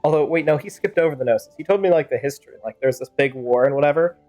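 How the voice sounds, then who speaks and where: A woman with a low, slightly mellow voice talks at a racing pace over faint background music. She's streaming a game, giving casual, rambling, playful commentary broken up by sudden exclamations and in-character fan-dub banter.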